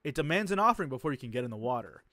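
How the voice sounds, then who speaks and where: A man's voice: mid-range voice, big pitch swings, very fast, sharp tone. A man hosting a game stream, reading the story aloud playfully and laughing often. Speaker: stream host, narrator of the game.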